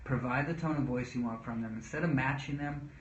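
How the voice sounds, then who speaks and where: A man in his thirties, a father giving casual parenting talk to camera, earnest and rambling, pausing to read viewer questions. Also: medium pitch. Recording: echoey room, dull lo-fi sound.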